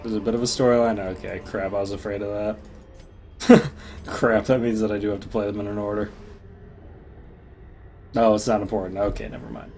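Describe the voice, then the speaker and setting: Low-voiced laid-back male streamer. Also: level tone, brisk, pauses often, a little mellow, a little hiss or hum. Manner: rambling, laughs often, swears casually. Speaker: gaming streamer. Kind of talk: casual let's-play commentary.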